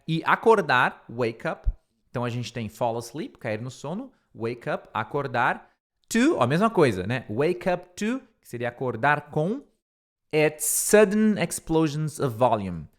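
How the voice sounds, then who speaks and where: A man teaching an English lesson. He says words over slowly and keeps checking in with the listener. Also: medium pitch. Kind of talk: online language lesson.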